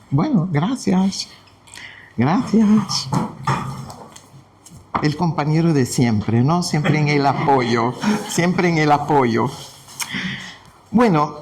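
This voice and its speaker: A Brazilian spiritist study presenter, whose first language is Portuguese, speaks Spanish with a Brazilian Portuguese accent in a fairly high voice. He leads a devotional talk and tells a story gently and without hurry, pausing often.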